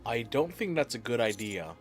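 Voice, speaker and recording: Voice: medium pitch, big pitch swings, normal speed, soft background music. Playful, rambling game streamer. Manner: playful, rambling, laughing asides. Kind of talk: live game stream commentary.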